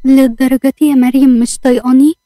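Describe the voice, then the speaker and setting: A woman's voice: sits high, flat delivery, fast talker, mellow, no echo, close to an everyday voice. A woman with an Egyptian accent voicing an insistent, remorseful young man begging forgiveness in a read-aloud story. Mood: pleading. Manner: pleading, insistent.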